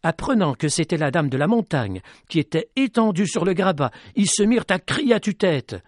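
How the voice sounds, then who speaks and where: A man narrating a tale in an expressive, dramatic reading style. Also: high-pitched, normal speed, dry recording, clean studio sound. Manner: dramatic, rising with tension. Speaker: storyteller.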